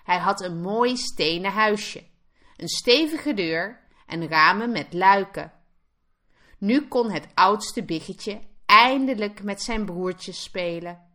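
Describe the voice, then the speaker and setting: Woman teacher, storybook narrator for learners; slow, clear, animated, bright tone. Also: mid-range voice. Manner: clear, expressive read-aloud. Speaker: Dutch teacher.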